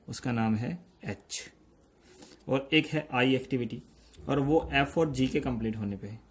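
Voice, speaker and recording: A man giving a step-by-step lesson, explaining slowly and checking in often with his listeners. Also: mid-range voice, breathy edge. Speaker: teacher. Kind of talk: step-by-step lecture.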